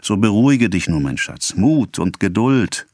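A man reading a novel aloud, voicing a self-assured lover who soothes and gently admonishes. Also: lowish voice, big pitch swings, a little slow, no room sound, studio quality, full character voice. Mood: soothing.

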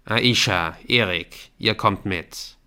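A man voicing a calm adult schoolteacher who speaks in a measured, firm way. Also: fairly low pitch, clear, resonant tone. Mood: calm authority. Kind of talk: audiobook character voice.

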